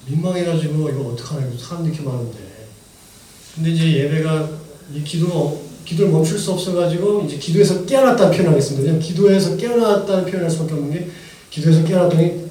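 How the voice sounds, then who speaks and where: A man's voice: a little high, mellow. A man giving a church testimony as a missionary, telling his story with strong emotion that rises and falls. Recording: echoey church hall from far off, faint noise.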